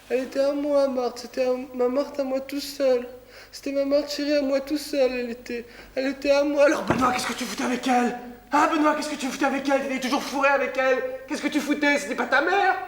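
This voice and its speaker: A bitter obsessive loner, highish voice, sneering then yelling, big echoey theatre hall. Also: male voice. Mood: grieving. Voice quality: mocking, explosive, lurching between sneers and shouts. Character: bitter, obsessive lonely man, ranting and grieving. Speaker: stage actor. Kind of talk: theatre monologue. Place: theatre stage.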